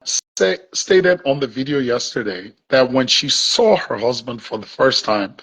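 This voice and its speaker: A man's voice: mid-range voice, lively intonation, a little slow, a bit bright. A man from Liberia with a Liberian accent, answering an interviewer's questions. He restarts often and repeats words as he builds his case. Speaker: interview guest. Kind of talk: remote interview, defending his account. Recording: dull lo-fi audio.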